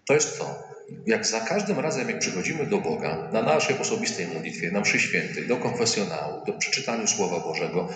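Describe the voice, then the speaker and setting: Deep-voiced priest preaching in an echoing church. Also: male voice, animated, brisk, a bit bright, a little hiss or hum. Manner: colloquial and humorous, acts out quoted voices. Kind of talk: sermon. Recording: echoey church hall with faint ambience.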